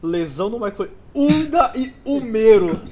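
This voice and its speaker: A man's voice: sits high, big pitch swings, a little slow, noisy background. A man with a Brazilian Portuguese accent reading out answers in a casual, sweary word game with friends. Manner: informal, sweary.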